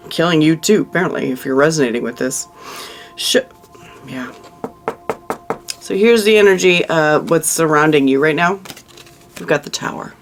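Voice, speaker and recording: Tarot reader, mid pitch, consoling and emotional, thinks aloud with restarts, soft music behind. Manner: frequent restarts and trailing-off phrases. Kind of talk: monthly tarot reading, talking to the viewer.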